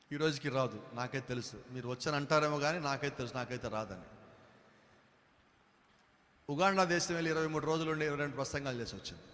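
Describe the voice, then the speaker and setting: A male pastor from India giving his testimony as a sermon, telling the story lively and acting out the dialogue of the people in it. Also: a little high. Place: church hall. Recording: long church-hall reverb.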